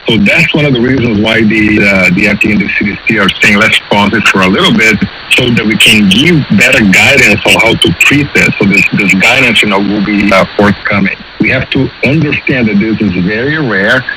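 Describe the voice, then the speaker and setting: A man's voice: lowish voice, a little fast, hardly any pauses. A man explaining as an expert guest in a radio interview, hesitant and searching for words. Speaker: virology professor, interview guest. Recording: very noisy radio feed.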